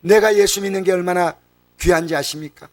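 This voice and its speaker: A male pastor preaches with a high, ringing voice, rising to loud cries and dropping to near-whispers. His speech carries regional Korean dialect. The sound is dry and set back from the microphone. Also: fairly even intonation, fairly quick, no echo, far from the mic. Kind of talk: sermon.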